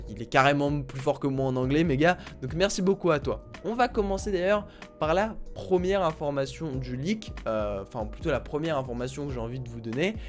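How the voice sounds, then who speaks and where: A man's voice: a little high, darkish tone. A young man talking casually about video game rumors, rambling with many fillers and repeated words. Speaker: gaming YouTuber.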